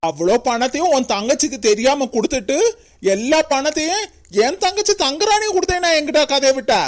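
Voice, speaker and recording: A woman's voice: high voice, animated, a little fast. A woman voicing a remorseful, stern older brother in a cartoon, speaking with a Kanyakumari Tamil accent. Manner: emotional, pleading then scolding. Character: remorseful then stern adult brother, head of family. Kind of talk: cartoon voice acting.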